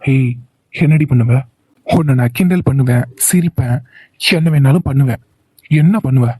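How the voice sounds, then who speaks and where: A woman's voice: rumbling low, normal speed, mellow, husky, no echo, pitched below the performer's own voice. A woman voicing a cocky young husband who teases his wife in a cartoon. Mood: challenging. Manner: mocking, cocky. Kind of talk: cartoon voice acting.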